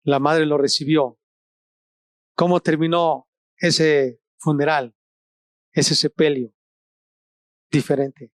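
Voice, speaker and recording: A male pastor delivers a sermon at a very unhurried pace, breaking his thoughts into short phrases separated by long pauses. His voice climbs for emphasis and sinks low and quiet on solemn words. The sound is dry and close, with almost no room echo. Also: fairly even intonation. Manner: slow, deliberate preaching with long pauses between short phrases; rises in pitch for emphasis, drops low and soft on solemn words. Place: church service streamed online.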